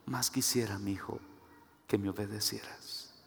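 A preacher voicing God as a loving, grieved father, in soft, pleading tones. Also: a little high, unhurried. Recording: echoey hall.

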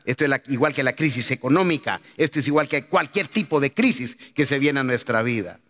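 A man's voice: mid-range voice, brisk, fairly bright tone. A man preaching a sermon, calling out emphatically and asking rhetorical questions. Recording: long hall reverb.

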